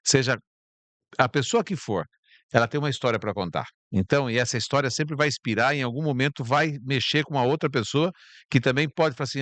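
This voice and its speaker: A man from Brazil, a podcast guest on a bar stage, talking in a calm, reflective and spiritual way and often repeating words while he searches for them. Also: mid-range voice, no echo. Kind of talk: casual chat.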